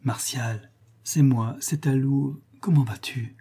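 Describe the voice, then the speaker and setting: A man's voice: mid-range voice, fairly even intonation, takes it slowly, mellow, husky. A man voicing a passionate, devoted young woman in an audiobook, tender and anxious, with a raised, pleading tone.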